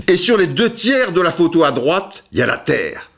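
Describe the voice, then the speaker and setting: A man's voice: a little high, big pitch swings, moderate pace, a bit bright. A man hosting a podcast, telling a self-mocking story and acting out voices and sounds. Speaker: podcast host. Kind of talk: casual storytelling monologue.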